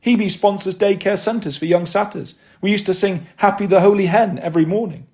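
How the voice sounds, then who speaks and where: A man's voice: high voice, fairly even intonation, brisk, a little mellow. A man voicing a timid, anxious young satyr who whines and frets, in an audiobook. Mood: nervous.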